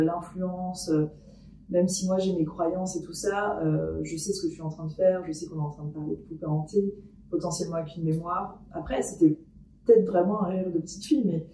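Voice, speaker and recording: A woman recording a paranormal experiment vlog at home, talking her thoughts aloud in a hesitant way with many pauses and restarts. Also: on the low side, dark tone, distant mic, slight background noise. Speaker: paranormal investigator. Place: room in her house. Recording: echoey room, voice off-mic.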